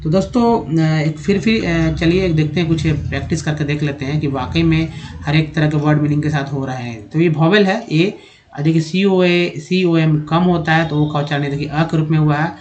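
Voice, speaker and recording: A man's voice: on the high side, moderate pace, highs cut off. A man teaching a video lesson in Hindi, patiently explaining English vowel sounds and spelling words out letter by letter.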